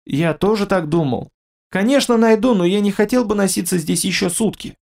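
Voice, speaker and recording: A man voicing a nervous, scrawny male werewolf in human form who talks in a hurried, frightened way. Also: high voice, creaky, a little mellow, pitched above the performer's own voice. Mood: pleading. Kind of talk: audiobook character voice.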